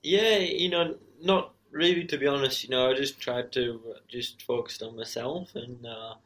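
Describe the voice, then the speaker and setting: A professional motorcycle racer answers interview questions in a mid-range, slightly bright voice at normal speed. Casual and understated, he keeps his replies modest and leans heavily on "you know" and other conversational fillers.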